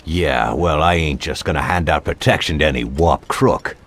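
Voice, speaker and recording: An actor playing a tough, wary police detective in a game cutscene, talking bluntly. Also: male voice, rumbling low, normal speed, fairly bright tone, full character voice. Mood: stern. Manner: blunt, tough street talk. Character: gruff male police detective, stern and wary. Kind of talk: video game cutscene acting.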